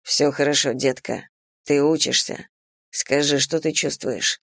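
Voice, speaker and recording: A woman reader voicing a dominant, teasing man in an erotic romance audiobook, speaking low, slow and hushed. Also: steady tone, vocal fry, dry recording, studio quality. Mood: teasing, commanding.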